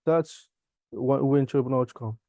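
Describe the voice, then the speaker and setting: Halting, dark-voiced man from Morocco. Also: medium pitch, no room sound. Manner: halting non-native English, many "uh" pauses. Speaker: software engineering graduate. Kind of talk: interview answers and product demo.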